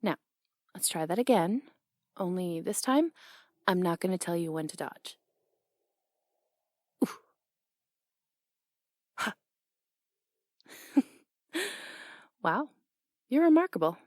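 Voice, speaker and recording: A young woman voicing a brash, teasing tomboy boxing coach in an audio role-play, blunt and quick to laugh. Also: fairly low pitch, animated, a little mellow, no room sound, clean studio sound.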